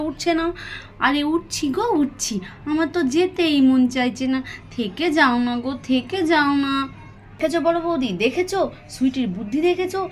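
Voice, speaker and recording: Woman, doll cartoon storyteller, plays the whole family, higher voice, faint background hiss. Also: a bit bright. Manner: switches between family characters, pleading and soothing. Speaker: storyteller voicing all dolls.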